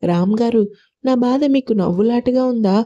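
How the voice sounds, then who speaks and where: Female reader as innocent young wife, plaintive and soft, very mellow tone. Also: a little high, normal speed, close to an everyday voice. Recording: lo-fi audio.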